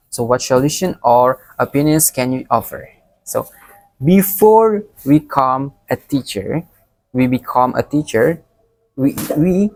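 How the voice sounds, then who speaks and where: A young man with a Palembang Indonesian accent gives a recorded exam presentation as an education student, halting and often repeating words. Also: mid-range voice, gravelly, dry recording. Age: young adult.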